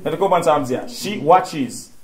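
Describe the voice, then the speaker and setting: A man with a Haitian accent teaching English grammar to a class, drilling phrases slowly for students to repeat. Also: fairly high pitch, darkish tone.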